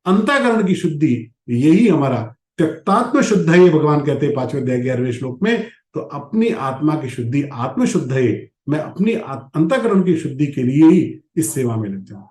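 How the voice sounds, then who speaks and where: A man teaching a Gita class in a spiritual discourse style, with wide swings in pitch, slowing for emphasis and chanting Sanskrit verses. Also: very animated, a little mellow, roomy sound.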